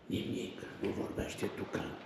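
A man's voice: reverberant, noisy background. A man, rambling colloquially as he talks straight to his viewers in a casual vlog. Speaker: vlogger.

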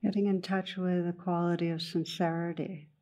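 This is a woman guiding a meditation, her voice mellow and low. She speaks very gently and slowly, pausing at length between phrases, and her melody remains even and flat in the manner of a teacher running a calm session.

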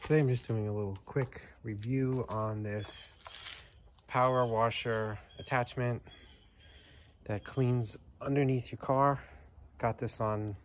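A man's voice: medium pitch, slow, a little hiss or hum. New guy doing a laid back driveway review on his phone, plain talk, lots of uh's, faint outdoor background. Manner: relaxed, plainspoken, with fillers and mild swearing. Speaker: channel host reviewing a tool. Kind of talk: casual product review vlog.

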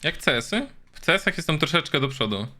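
A man's voice: a little high, sing-song, fairly quick, pushed and bright. A man from Poland giving casual, chatty commentary as he streams a game, swearing freely and reacting on the fly.

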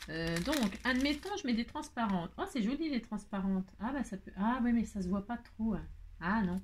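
A woman's voice: on the high side, expressive, normal speed, background noise. A woman with a French accent hosting a card-making tutorial, chatting and thinking aloud as she works, with frequent delighted exclamations. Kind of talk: casual crafting tutorial.

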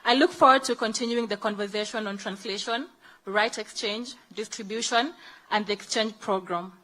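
A woman's voice: medium pitch, normal speed, sharp tone, rough recording. A woman with a Kenyan accent gives a formal thank-you speech as a guest, with emphatic, repeated phrasing. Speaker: guest speaker, book fair fellow.

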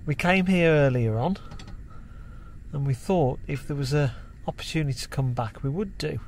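A man's voice: fairly high pitch, normal speed, a little mellow, slight background noise. A man casually narrating a camper van travel vlog, pointing out the sights around him. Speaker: vlogger. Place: outdoors on a windy hilltop and inside a camper van.

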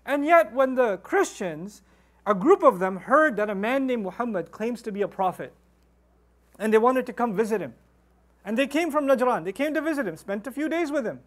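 A middle-aged man giving a Quran commentary lecture, animated and posing rhetorical questions to his listeners. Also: very high-pitched, normal speed. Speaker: Quran teacher.

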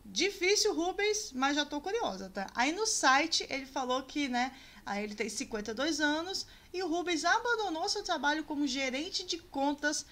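A woman's voice: high-pitched, lively intonation, moderate pace, pushed and bright. A woman vlogger chatting casually and gushing about show contestants, with many asides to her viewers. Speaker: vlogger commenting on a TV cooking show. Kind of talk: casual chat.

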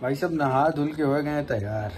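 A man's voice: fairly high pitch, normal speed, rough recording. A young man from Prayagraj vlogging his trip on a phone held at arm's length, chatty and calling viewers guys and brother. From Prayagraj, India. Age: young adult. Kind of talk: casual travel vlog. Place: train station, taxi, hotel room, city streets. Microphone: phone selfie at arm's length. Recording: loud crowd and street noise on phone mic.

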